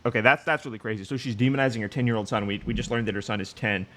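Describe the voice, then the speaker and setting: A man's voice: on the low side, rapid-fire, pushed and bright. A man giving scornful reaction commentary on a clip, breaking into laughter and mimicking other people. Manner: mocking, laughs at clip, acts out quoted voices.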